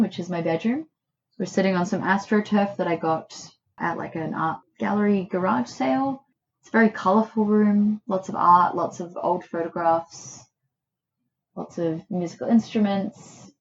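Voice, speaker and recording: A woman from Australia, a poet, speaking thoughtfully in a quiet bedroom and reading her poems. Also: on the low side, lo-fi sound, slight background noise. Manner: thoughtful, musing. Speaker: poet guest. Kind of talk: reflective conversation and poetry reading.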